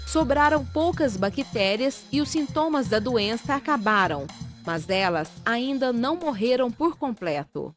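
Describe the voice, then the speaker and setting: A woman reading a scripted lesson for pharmacy assistants in a steady, even way. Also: fairly high pitch, measured pace, soft background music. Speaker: course narrator. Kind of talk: scripted instructional narration.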